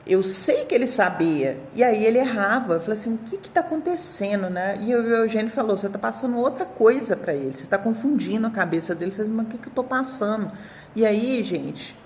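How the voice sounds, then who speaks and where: A woman's voice: fairly high pitch, fairly quick, slight background noise. Chatty Brazilian woman dog trainer. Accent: Brazilian Portuguese. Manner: chatty, animated storytelling, talks straight to viewers. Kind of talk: casual video presentation of an article.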